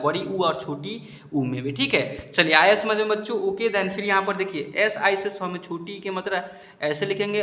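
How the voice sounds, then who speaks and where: A man teaching students to read English spellings, spelling each word out slowly and asking if they understood. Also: high-pitched, sharp tone. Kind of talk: explaining a lesson to students. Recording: echoey room.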